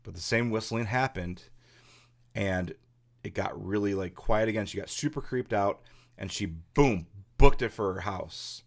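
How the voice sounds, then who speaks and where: Man, podcast host, casual storytelling, rambling, lowish voice. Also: a little slow, vocal fry. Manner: rambling, many fillers and restarts.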